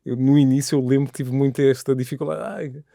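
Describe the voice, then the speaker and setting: A man's voice: mid-range voice, flat delivery, fast talker, dark tone, no echo, studio quality. A man from Portugal with a European Portuguese accent, speaking reflectively as an interview guest and searching for words. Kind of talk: casual interview.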